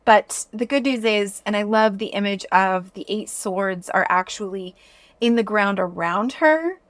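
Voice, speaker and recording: A woman speaks as a podcast host in a casual, chatty style, addressing her listeners directly. Her delivery is expressive, with a mid-range pitch, and the sound is close and dry with very little room. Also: a little slow, dry recording.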